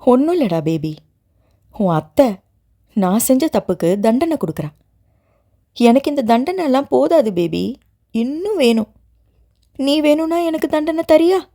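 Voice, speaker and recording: A woman's voice: medium pitch, very animated, moderate pace, darkish tone, close to an everyday voice. A woman reading a novel aloud, voicing a playful, teasing young wife who hides her hurt behind jokes. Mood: coaxing. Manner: playful and teasing, turning tender.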